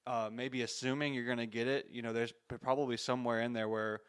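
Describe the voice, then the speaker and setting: A man's voice: mid-range voice, little pitch movement, quick pace, smooth. A man in his thirties hosting a faith-based interview, reflective and encouraging, with frequent restarts. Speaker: podcast host.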